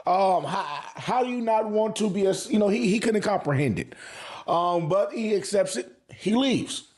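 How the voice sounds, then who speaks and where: A man reviewing anime gives loose, slangy commentary for video, cursing freely and repeating phrases to drive points home. His voice sits high with a somewhat dark tone.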